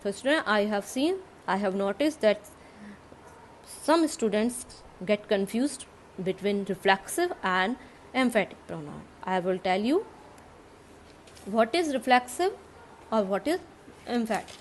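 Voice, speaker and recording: A woman's voice: medium pitch, expressive, measured pace, pauses often, a little hiss or hum. A woman teacher with an Indian English accent, explaining grammar to students in English and Hindi and repeating the key terms.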